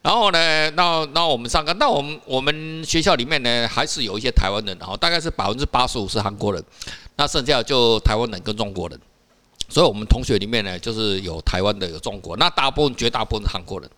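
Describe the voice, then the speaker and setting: A man with a Taiwanese Mandarin accent, co-hosting a casual chat and telling animated stories, laughing often and swearing casually. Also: medium pitch, quick pace. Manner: animated storyteller, laughs often, frequent "哈" and "哦" particles; rough-talking, swears casually.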